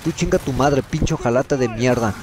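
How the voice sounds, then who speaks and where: A man with a Mexican accent giving profane, excitable commentary while playing a shooter game. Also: mid-range voice, brisk. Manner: excitable, swears constantly, yells at enemies. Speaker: gameplay streamer.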